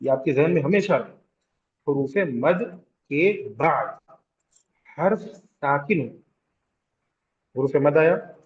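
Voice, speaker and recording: A man teaching Quranic recitation rules in a slow classroom lecture with a Hyderabadi Urdu accent, repeating terms, asking the class questions and drawing out vowels to show their length. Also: on the high side, animated, lo-fi sound. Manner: draws out vowels to demonstrate elongation. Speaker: tajweed teacher.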